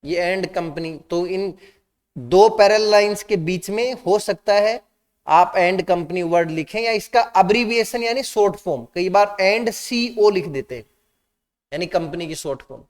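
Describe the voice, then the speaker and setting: Guy teaching class, high voice, echo hanging in the room. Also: unhurried. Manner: questions the class, mixes Hindi and English. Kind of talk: classroom lecture.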